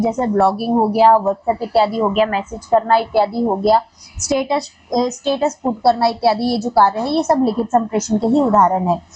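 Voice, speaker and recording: A woman teacher giving an exam-prep lecture, explaining step by step with frequent filler pauses. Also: on the high side, darkish tone, breathy edge, lo-fi sound. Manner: explains step by step with Hindi-English term pairs.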